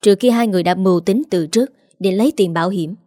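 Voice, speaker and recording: A woman's voice: medium pitch, fast, dark tone, dry recording, clean studio sound, lightly acted. A woman voicing a suspicious young woman who questions others in a pointed, probing way. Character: sharp, suspicious young woman confronting liars.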